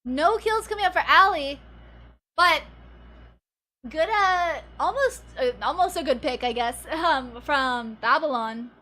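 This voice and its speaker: A woman's voice: sits high, animated, a little slow, pushed and bright. A young woman from the Pacific Northwest giving chatty, giggly commentary on an esports match, tired from the early hour. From Pacific Northwest, USA. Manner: chatty, giggly, reads chat aloud. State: sleepy early in the day. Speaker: esports co-streamer. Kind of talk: casual game commentary.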